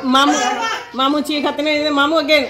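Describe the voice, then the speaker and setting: A woman, a mother and family vlogger, chatting casually to camera and talking firmly but gently to her kids. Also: high-pitched, level tone, normal speed, crowd noise. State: tired from walking. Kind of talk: casual vlog chat. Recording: noisy background.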